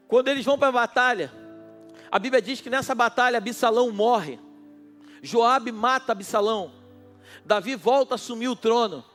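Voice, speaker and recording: A male pastor preaching a sermon at a night church service, passionate and speaking straight to his listeners. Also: very high-pitched. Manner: impassioned, addresses listeners directly.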